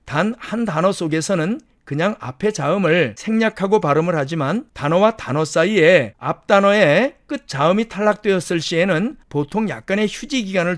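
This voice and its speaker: Man, pronunciation lecture, fairly high voice, dry close sound. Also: no room sound. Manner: explains step by step, with slow demonstrations of English words; asks rhetorical questions to check understanding. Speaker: English pronunciation teacher. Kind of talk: lecture explaining pronunciation rules.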